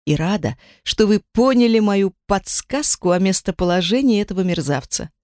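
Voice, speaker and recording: A dying young woman fighter, as the book's reader puts her on, speaking softly and haltingly through the pain, her voice rising and falling in wide swings. Tender and close to tears, with the audiobook in a dry, close, unechoing sound. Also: medium pitch, animated, dry recording, close to an everyday voice.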